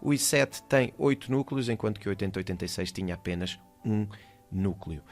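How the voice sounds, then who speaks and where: A man with a European Portuguese accent reads a voice-over for a school project in a somewhat low voice. He explains each term in turn at a steady, measured pace. Faint music sits under his narration. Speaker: teacher.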